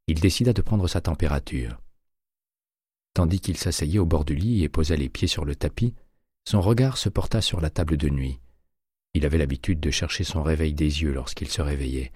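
A man reading a thriller audiobook in a steady, measured voice, recorded close and dry. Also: a bass voice, breathy edge, no room sound. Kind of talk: audiobook narration.

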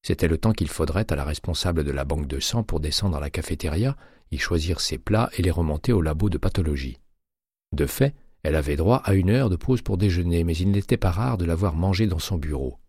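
A man narrating a novel in a steady, measured audiobook reading. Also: low-pitched, slightly rough, no echo, clean studio sound. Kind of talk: scripted narration.

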